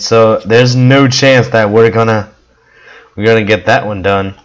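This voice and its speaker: A man giving casual gameplay commentary with a hoarse, worn voice, coughing now and then and rambling with many fillers. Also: fairly low pitch, low-quality recording. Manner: rambling, with frequent ums and restarts. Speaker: gameplay video creator.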